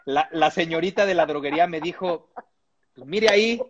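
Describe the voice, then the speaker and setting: A man's voice: on the high side, steady tone, brisk, highs cut off. A man from Mexico, reading a humorous text aloud with comic asides and chuckles.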